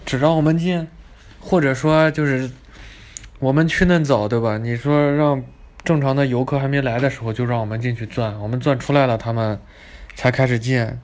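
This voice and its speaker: A man's voice: medium pitch, steady tone, moderate pace, darkish tone. Crude, ranting male storyteller. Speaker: comic storyteller. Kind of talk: comedic monologue storytelling.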